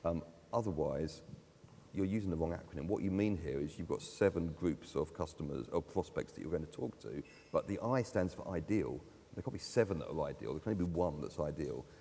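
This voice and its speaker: Deep-voiced man speaking in a reverberant hall. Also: warm tone. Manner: conversational, with fillers and self-deprecating laughs. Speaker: conference speaker. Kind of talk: live talk at a conference. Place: conference hall.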